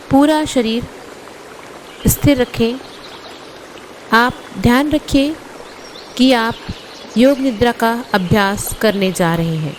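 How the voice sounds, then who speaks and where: A woman leading a guided yoga nidra meditation, calm and instructive, with long pauses between short phrases. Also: fairly high pitch, slight background noise.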